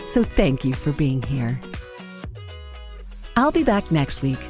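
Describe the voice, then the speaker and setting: A woman's voice: very deep voice, big pitch swings, slow, a little mellow, faint music behind. A woman hosting a podcast, affirming and friendly, with frequent small laughs. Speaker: podcast host. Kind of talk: podcast interview and outro.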